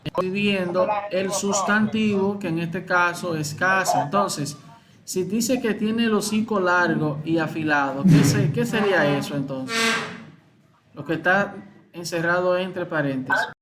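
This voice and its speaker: High-voiced man teaching a grammar lesson. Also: a loud crowd. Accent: Dominican Spanish. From Dominican Republic. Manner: slow, repeating key words, asking questions. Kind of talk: explaining an exam to students.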